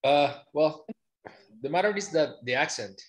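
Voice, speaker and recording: A man's voice: on the high side, expressive, unhurried. A man tutoring online, playful and teasing, with mock-dramatic complaints. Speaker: Spanish tutor. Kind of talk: online language lesson.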